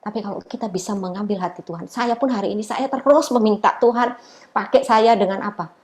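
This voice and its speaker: A woman's voice: mid-range voice, fairly quick, darkish tone. A middle-aged woman giving a casual, chatty testimony sermon at a prayer meeting, telling her story with many fillers.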